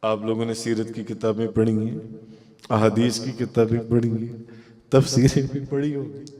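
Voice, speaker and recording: A man preaching at a devotional gathering, questioning his audience and chanting verses in a drawn-out singing tone. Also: mid-range voice, flat delivery, mellow. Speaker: Sufi preacher. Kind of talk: devotional sermon. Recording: long hall reverb.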